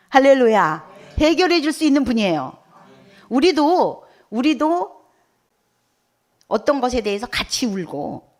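Lady preacher at church, slightly high voice, keeps asking the crowd questions, shouts hallelujah. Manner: asks the congregation questions and waits for replies; bursts out with hallelujah. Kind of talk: sermon to a congregation. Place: church service.

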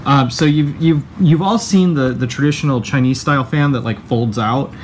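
A man casually showing off a haul from an apartment room, talking in a relaxed way with many ums and fillers. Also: medium pitch, moderate pace, a little hiss or hum, low-quality recording. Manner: relaxed, many ums, enthusiastic about collectibles. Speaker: co-host showing a merchandise haul. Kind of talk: casual chat. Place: one-bedroom rented apartment, indoors.

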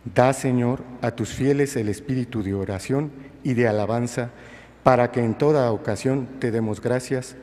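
Mellow man praying in a reverberant church. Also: medium pitch, normal speed. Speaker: prayer leader at Mass. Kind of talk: read liturgical intercessions.

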